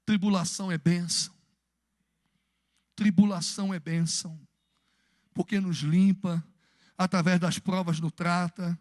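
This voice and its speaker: High-voiced Brazilian pastor preaching. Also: male voice, flat delivery, a little slow, pauses often, darkish tone, no room sound, studio quality. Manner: fervent preaching mixed with humorous personal anecdotes. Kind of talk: sermon. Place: church, Sunday evening service.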